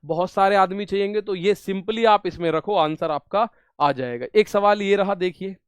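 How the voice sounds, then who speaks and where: A man's voice: high voice, moderate pace, clean tone, no echo. A man teaching an exam-prep maths lesson, repeating each step and coaxing his students along. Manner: repetitive, coaxing, addresses students as brother.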